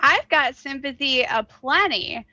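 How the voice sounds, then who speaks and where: A woman's voice: high-pitched, animated, unhurried, sharp tone, dry recording, highs cut off, full character voice. A woman playing a free-spirited, brash adventurer with a slightly crackly voice and blunt, slangy talk. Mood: offhand.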